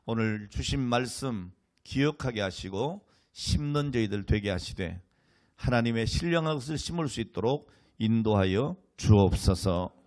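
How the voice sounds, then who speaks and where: A male senior pastor closing his sermon in a church with a measured, solemn blessing and prayer. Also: mid-range voice, animated, a little mellow. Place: church sanctuary.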